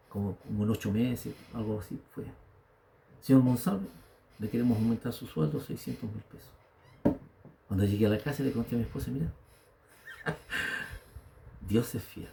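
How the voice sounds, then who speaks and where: A man's voice: lowish voice, vocal fry, dark tone, slight background noise. A man in his fifties with a Chilean accent, a pastor telling his own story in a sermon and building to emphatic exhortation. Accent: Chilean Spanish.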